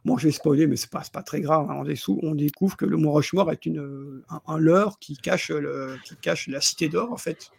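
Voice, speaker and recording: A man co-hosting a podcast chats casually while reviewing films, stumbling, repeating words often and chuckling as he talks. His voice is fairly high and husky with vocal fry, at a normal speed with hardly any pauses, and the recording is dry.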